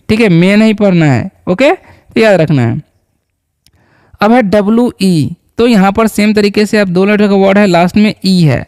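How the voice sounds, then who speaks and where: A man's voice: high voice, a little mellow, clear, resonant tone, dry recording, clean studio sound. A man teaching basic English words in Hindi, patiently repeating each word and asking the viewer questions. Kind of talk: spoken English lesson in Hindi.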